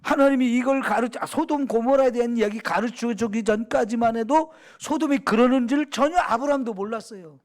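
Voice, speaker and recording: Speaking with a Chungcheong Korean accent, a middle-aged male pastor from that region delivers a conversational sermon, asking the congregation questions and answering them, and hushing softly whenever he quotes prayers. His voice is very high-pitched and brisk, with few pauses.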